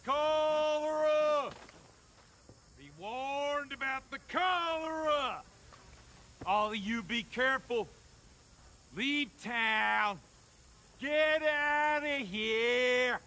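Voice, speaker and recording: An actor playing a frantic frontier town crier in a western video game, calling out loud, drawn-out warnings over outdoor ambience. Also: male voice, very high voice, a little hiss or hum, heavily acted. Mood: frantic, urgent.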